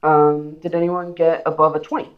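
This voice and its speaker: A man's voice: a little high, flat delivery, moderate pace, narrow, tinny audio. A man running a tabletop game as game master, playful and teasing, often stopping and restarting his sentences.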